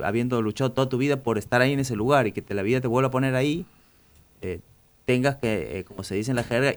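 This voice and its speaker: An Argentine man talking as a journalist guest on a radio show, hesitant, with many fillers and restarts. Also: medium pitch. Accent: Argentine Spanish. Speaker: journalist guest back from covering the World Cup. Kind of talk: casual radio interview.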